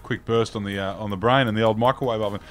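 A man with a Queensland accent co-hosting satirical news in a deadpan, colloquial, blokey way. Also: fairly low pitch, quick pace, soft background music. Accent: Queensland Australian. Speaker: co-host of satirical news show. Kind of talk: deadpan mock-news banter.

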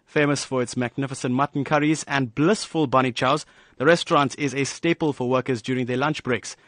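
A man's voice: mid-range voice, fairly even intonation, a little fast, fairly bright tone, no room sound. Male news reporter, dry studio voice. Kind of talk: scripted news narration.

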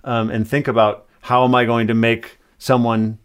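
A man's voice: medium pitch, little pitch movement, moderate pace, clear, resonant tone. A man, a composer guest, explaining his work on a remote interview call, thoughtful and full of hesitant fillers. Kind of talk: conversational interview answers.

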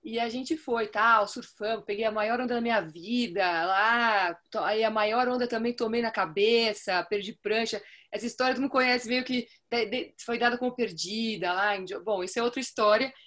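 A woman chatting casually, a lively storyteller who acts out quoted dialogue. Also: on the high side, moderate pace, hardly any pauses. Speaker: surfer telling stories. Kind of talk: casual chat among friends.

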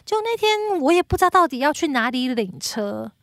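A woman co-hosting a chat podcast, telling a story in an animated way and acting out the quotes. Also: sits high, brisk, dry recording, clean studio sound. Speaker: podcast co-host. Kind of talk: casual chat.

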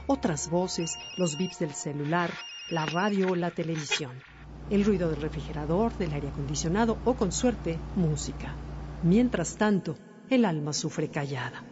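A woman reading a scripted reflective narration as a host, in a calm, contemplative and measured way. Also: low voice, long reverb tail, lo-fi sound. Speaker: host of a reflective wellbeing segment.

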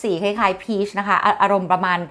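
A woman's voice: medium pitch, level tone, normal speed, a bit bright. A woman hosting a casual health talk, chatting to viewers in a friendly explanatory way and referring to herself by her nickname.

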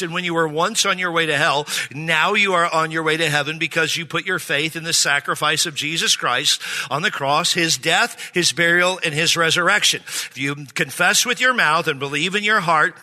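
High, bright-voiced man preaching in a hall. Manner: joking, calls for amens from the congregation. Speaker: pastor. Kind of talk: sermon. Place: church sanctuary.

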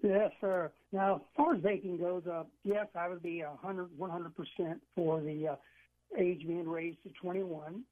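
Male caller from Georgia, high voice, tinny phone line, emphatic and insistent. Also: steady tone, moderate pace. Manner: emphatic, insistent, repeats himself. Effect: heard over a phone line. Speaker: radio call-in caller. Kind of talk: call-in opinion talk.

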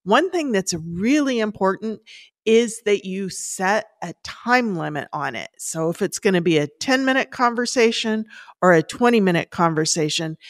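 A woman's voice: medium pitch, no echo, clean studio sound. Woman giving upbeat, tidy advice, closely recorded. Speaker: personal finance expert giving advice. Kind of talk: prepared advice segment in conversational interview.

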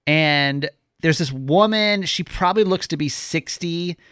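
A man co-hosting a podcast, telling a story in casual chat, animated, acting out quotes. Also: fairly high pitch, measured pace, smooth, dry recording, clean studio sound. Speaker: podcast co-host.

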